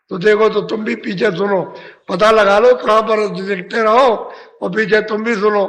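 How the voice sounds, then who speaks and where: A high-pitched man preaching a devotional sermon. He scolds and coaxes his listeners with repeated rhetorical calls. His voice trails off into a long, echoing hall reverb. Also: a bit bright. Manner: admonishing, rhetorical, repetitive appeals. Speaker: spiritual preacher.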